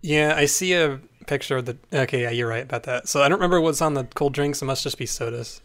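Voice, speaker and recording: A man hosting a podcast, talking in a relaxed, hesitant way with many fillers. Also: medium pitch, fast talker. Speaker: podcast host. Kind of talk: casual chat.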